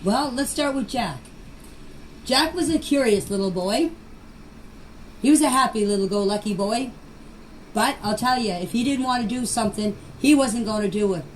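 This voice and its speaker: An older woman, her voice a little high, reminisces in a plain, folksy, informal way at normal speed, pausing often and repeating her phrases. The amateur recording is low quality, and background noise is clearly audible.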